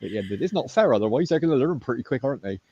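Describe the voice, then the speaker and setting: A man chatting casually and agreeing warmly, calling her sis and ending points with tag questions. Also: medium pitch, animated, very fast, breathy edge, dry recording, lo-fi sound. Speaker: chat guest. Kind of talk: casual live chat.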